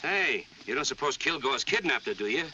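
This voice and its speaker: An American actor playing an anxious, folksy cowboy sidekick in a 1940s western film. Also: male voice, mid-range voice, big pitch swings, a little fast, bright, forceful tone. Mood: worried. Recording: dull old film soundtrack, faint noise.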